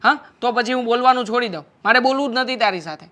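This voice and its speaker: A man's voice: extremely high pitch, quick pace, sharp tone. A man playing a carefree young husband. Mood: placating. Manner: breezy, dismissive. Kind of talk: family drama acting.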